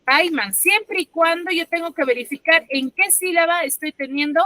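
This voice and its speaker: High bright-voiced woman teacher. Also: moderate pace, dry recording. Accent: Peruvian Spanish. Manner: patient, explanatory, checks understanding often. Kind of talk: online class lecture. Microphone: computer mic on video call.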